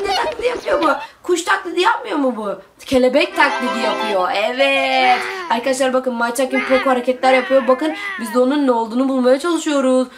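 A woman hosting a gaming video, giving excited let's-play commentary and constantly calling out to her viewers. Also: high-pitched, heavy background noise. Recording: loud game music behind.

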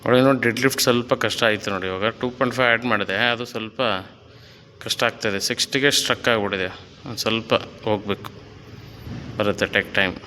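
A man's voice: on the low side, quick pace, bright, forceful tone, a little hiss or hum, poor audio. A male fitness trainer coaching a client through a gym workout, encouraging her, counting reps and cueing her breathing.

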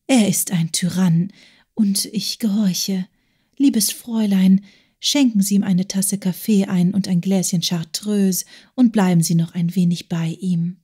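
A woman voicing Agathe, a soft-spoken fragile young woman. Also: medium pitch, moderate pace, close to an everyday voice. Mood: plaintive. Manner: soft, breathy, half-whispered. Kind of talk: audiobook character voice.

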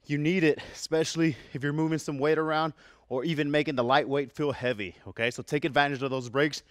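A man's voice: fairly high pitch, fairly even intonation, fast talker, no echo, studio quality. A young man coaching a kettlebell workout, counting reps aloud, out of breath and sighing between sets. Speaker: fitness coach. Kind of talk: workout instruction.

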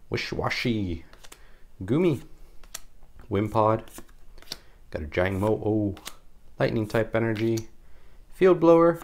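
A man with an average-pitched voice presents a casual giveaway vlog. He is upbeat and chatty, speaking straight to his audience as a host does. He tends to repeat short phrases as he goes. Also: vocal fry. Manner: chatty, addresses viewers as "guys", repeats phrases. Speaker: YouTube host of a trading card channel.

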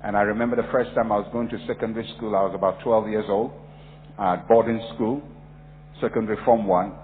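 A man's voice: lowish voice, steady tone, fairly quick, a little hiss or hum. A man from Ghana preaching a sermon, emphatic and repetitive, telling stories from his own life. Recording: phone-like audio in a reverberant hall.

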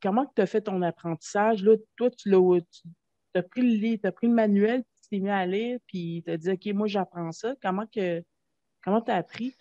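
A woman's voice: mid-range voice, moderate pace, mellow, dry recording. A woman with a Québécois French accent hosting a video-call interview, talking hesitantly with fillers and restarts. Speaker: host. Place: small room at home. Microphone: desk microphone. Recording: dull lo-fi video call audio.

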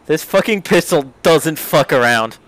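Brief: laid-back male player, unhurried delivery, dry sound, casual swearing. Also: a little high, expressive, fairly bright tone, no echo. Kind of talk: casual gaming voice chat.

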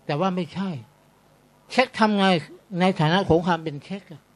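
A man preaching in a garage meeting room, telling a story with lively, animated delivery and speaking straight to his listeners. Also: high voice, normal speed. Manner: animated, addresses the audience as brothers and sisters. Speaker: Islamic preacher. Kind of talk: storytelling sermon.

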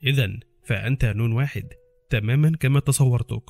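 A man voicing a calm, defiant young female intelligence officer in an audiobook, speaking in a hushed, level way. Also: medium pitch, fast, gravelly, dry recording, soft background music, pitched below the performer's own voice.

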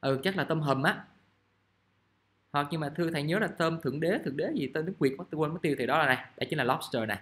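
A man's voice: a little high, a bit bright. Chatty male English teacher. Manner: chatty, reads example sentences slowly. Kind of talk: casual classroom explanation. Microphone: recording device at his desk.

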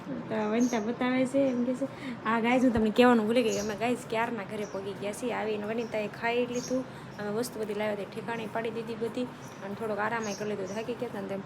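A woman, chatting loudly and directly to her vlog viewers. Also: a little high, little pitch movement, fast, vocal fry, noisy background. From Gujarat, India. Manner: loud-voiced. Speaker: vlogger. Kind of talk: casual vlog narration. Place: roadside outdoors and at home.

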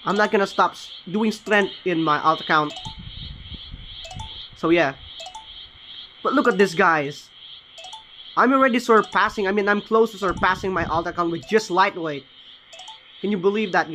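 A man giving casual, excited gameplay commentary, often stopping to correct his own words. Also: high-pitched, normal speed, long pauses, a little hiss or hum. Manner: excited, often corrects himself mid-sentence. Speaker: gaming channel host.

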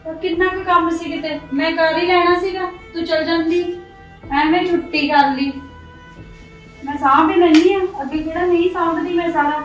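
A woman's voice: extremely high pitch, steady tone, moderate pace, very echoey, far from the mic, soft background music, low-quality recording. A woman playing a stern middle-aged mother who scolds her teenage son. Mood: concerned. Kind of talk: family web drama acting.

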